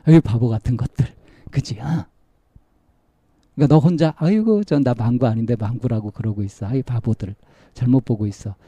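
A man with a dark, mellow voice and a touch of huskiness tells the story of a counseling case. He talks gently and coaxingly, full of small fillers, and plays out his questions and a child's answers. The sound is dry and close. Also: medium pitch, fairly quick, dry recording, dull audio. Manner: recounts dialogue, acting out the child's replies.

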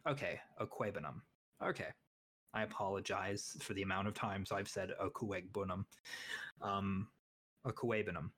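Low-voiced young man rambling about sports. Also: flat delivery, normal speed, fairly bright tone. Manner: rambling, opinionated, self-deprecating. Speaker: podcast co-host. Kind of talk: casual sports chat.

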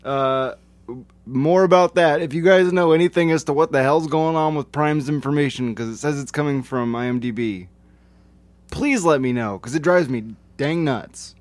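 A man's voice: a little high, moderate pace, no echo. A man co-hosting a casual movie review podcast, reading film facts from his notes in a laid-back way. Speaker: podcast co-host.

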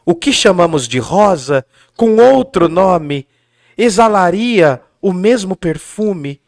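A man voicing Juliet as a lovesick young woman, reciting in a slow, drawn-out theatrical way. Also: high voice, sing-song, a little mellow, dry recording, clean studio sound, full character voice. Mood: yearning.

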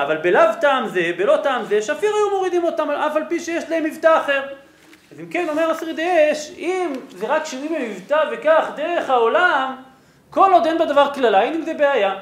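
A rabbi delivers a lesson on religious law in a fairly high voice for a man. He explains patiently, walks through his sources and keeps asking his listeners whether they follow. The room around him is echoey. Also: a bit bright. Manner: explanatory, checks in with rhetorical "right?". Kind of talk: Torah lesson. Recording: roomy echo.

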